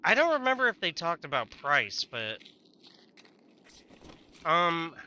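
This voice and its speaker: A man's voice: a little high, big pitch swings, takes it slowly, bright, forceful tone, slight background noise. A man streaming a game, chatting casually with a teammate, swearing often and trailing off mid-sentence. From United States. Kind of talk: casual gaming chat.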